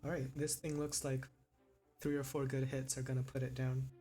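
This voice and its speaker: A man narrating and ruling as game master of a tabletop game, in a relaxed, easygoing manner. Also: medium pitch, normal speed, husky, faint music behind.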